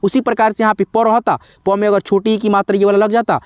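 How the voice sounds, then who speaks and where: A man's voice: high voice, level tone, fast talker, smooth, no room sound, studio quality. A man teaching spelling to viewers in a patient, repetitive way, often calling them friends. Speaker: English teacher. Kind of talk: spelling lesson in Hindi.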